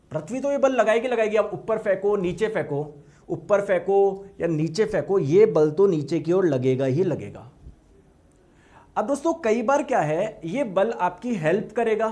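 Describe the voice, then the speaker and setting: High pitched guy teaching physics, energetic, keeps repeating words and asking yes or no. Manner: energetic, repeats words for emphasis, asks students yes-or-no questions. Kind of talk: classroom physics lecture.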